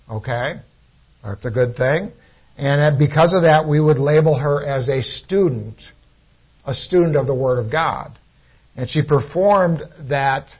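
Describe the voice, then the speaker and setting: Husky-voiced man preaching. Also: mid-range voice. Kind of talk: sermon. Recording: dull lo-fi recording.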